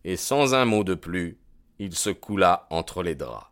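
A man narrating an audiobook in a measured, even storytelling manner. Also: low-pitched, a little hiss or hum.

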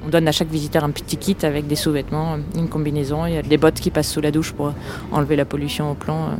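Woman, 40s, from Paris, archaeologist guide, somewhat low voice, hesitant with fillers, music bed. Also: flat delivery, quick pace. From Paris, France. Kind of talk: guided tour interview.

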